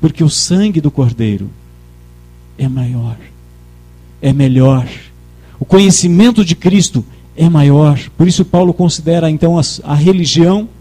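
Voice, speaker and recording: A man with a notably high voice delivers a sermon at an unhurried pace. He presses each point emphatically and calls for his congregation to repeat his words back. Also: mellow. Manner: emphatic, leads the congregation in call-and-response. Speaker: preacher.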